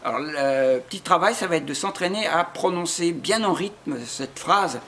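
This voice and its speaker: A man with a fairly high, sharp voice talks at a normal pace as he teaches a guitar lesson step by step. He patiently explains chords and rhythm, singing short phrases to demonstrate, while guitar plays along under slight background noise.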